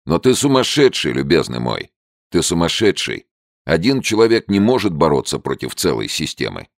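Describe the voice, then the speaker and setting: A man's voice: extremely low pitch, very animated, moderate pace, gravelly, no echo, studio quality, voice pushed up, full character voice. A man voicing a young male soldier who argues heatedly and insistently. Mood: urgent. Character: agitated young male soldier, pushy persuader.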